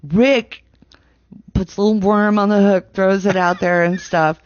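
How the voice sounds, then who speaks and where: A woman hosting a radio show, chatting casually and telling stories in an animated, conversational way. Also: medium pitch, unhurried, highs cut off. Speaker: radio host. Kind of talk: casual on-air interview chat.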